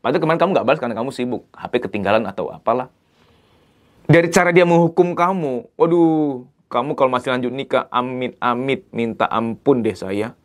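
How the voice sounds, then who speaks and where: A man giving a lively psychology lecture as a therapist, emphatic and conversational. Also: medium pitch. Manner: animated, acts out quoted dialogue in other voices; colloquial, emphatic "gitu loh" asides.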